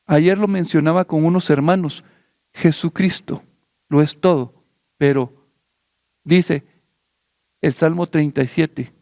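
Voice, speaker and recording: A man preaching a sermon as pastor, repeating phrases in a fervent cadence, then praying in slow, pleading words. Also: on the high side, fairly even intonation, darkish tone, no room sound, clean studio sound. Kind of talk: sermon turning into prayer.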